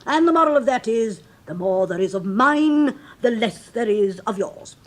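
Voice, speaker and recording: A woman acting a moralising, over-familiar storybook Duchess with a husky voice. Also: fairly high pitch, animated, moderate pace, close to an everyday voice. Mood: gushing. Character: gushing, moralising, affectionate, ugly storybook Duchess.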